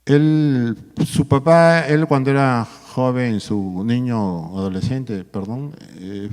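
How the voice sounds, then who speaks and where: A man's voice: lowish voice, warm tone. A man preaching a sermon, exhorting his listeners as brothers and tagging his points with questions. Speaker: pastor. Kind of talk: sermon at a marriage workshop. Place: church hall. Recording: long hall reverb.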